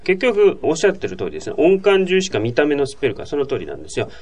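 Male talk host, quick and animated delivery, explanatory chat. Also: fairly high pitch. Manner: explanatory, lively, reads listener messages. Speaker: radio show host. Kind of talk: casual talk show explaining language.

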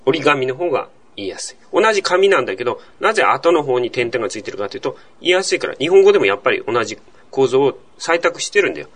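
A man's voice: medium pitch, big pitch swings, quick pace, a bit bright. A man hosting a language podcast, explaining pronunciation patiently and asking rhetorical questions. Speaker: podcast host teaching Korean.

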